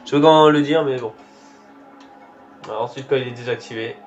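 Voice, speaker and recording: A man's voice: mid-range voice, a little fast. Man giving casual game commentary, lo-fi. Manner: reactive, exclaiming at what appears on screen. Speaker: gameplay commentator. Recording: dull lo-fi recording with faint game music.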